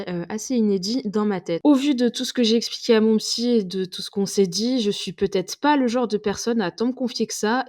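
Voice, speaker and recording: A woman in her twenties from southwestern France hosts a personal podcast. She speaks off the cuff in a mid-pitched voice, casual and confiding. Her delivery is chatty and a little hesitant as she gathers her thoughts. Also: darkish tone. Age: 20s. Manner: hesitant, unscripted, chatty with small laughs. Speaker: podcast host. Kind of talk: casual, confessional solo podcast talk.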